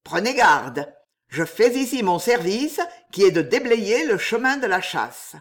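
A woman's voice: mid-range voice, very animated, measured pace. A woman reading as a curt, haughty noble huntsman. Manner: curt and hard. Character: hot-tempered noble huntsman, haughty man.

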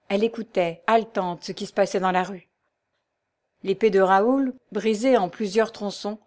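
A woman's voice: mid-range voice, darkish tone. Woman narrating a classic novel. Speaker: audiobook reader.

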